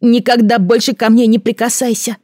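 A woman reading an audiobook, voicing a young boy king who shouts angry, tearful commands. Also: mid-range voice, normal speed, no room sound, clean studio sound, voice pushed up, lightly acted. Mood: hysterical.

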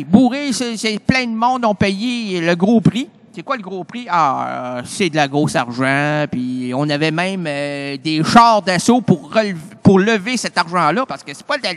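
An older man with a Québécois French accent hosting a radio show, a hoarse, feverish voice, delivering a rambling, theatrical comic monologue that jumps between tangents. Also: sits high, a bit bright.

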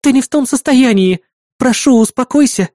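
A man voicing a calm female AI assistant that gives flat, announcing system reports in an audiobook. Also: sits high, normal speed, dry recording, studio quality, pitched above the performer's own voice, close to an everyday voice. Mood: pleading.

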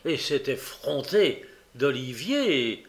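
A man's voice: medium pitch, big pitch swings, slow. A man doing a pompous blustering beadle. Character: pompous harsh male parish beadle. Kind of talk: audiobook character voice.

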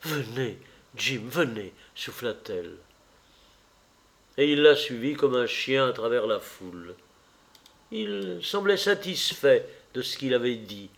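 A man reading a classic novel aloud as an audiobook narrator, measured and deliberate. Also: medium pitch, animated, gravelly, a bit bright. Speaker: audiobook reader. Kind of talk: slow literary narration.

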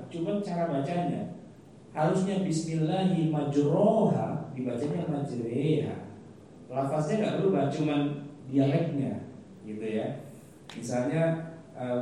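A man's voice: mid-range voice, animated, moderate pace, mellow, slight background noise. A man giving a casual, humorous religious lecture, acting out the voices in his stories. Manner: chatty and humorous, acts out quoted voices, frequent "gitu kan" tags. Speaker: Islamic teacher giving a weekly study talk. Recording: echoey hall from far off.

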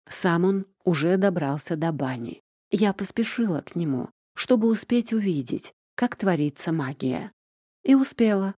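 A woman narrating a first-person audiobook in an even, measured storytelling manner. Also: mid-range voice, no echo, clean studio sound.

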